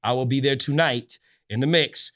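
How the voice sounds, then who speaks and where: A man's voice: medium pitch, moderate pace, fairly bright tone. A man, a DJ and radio host talking casually as a podcast guest, using streetwise slang and rhythmic, hype-style self-promotion.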